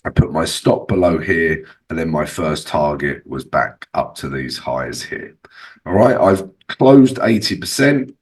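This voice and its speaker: Low-voiced man with a swollen, sore throat. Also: animated, unhurried, distant mic. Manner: conversational, addresses viewers as guys, frequent checking tags like okay and right. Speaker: trading channel host and analyst. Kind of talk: casual trading tutorial commentary over charts.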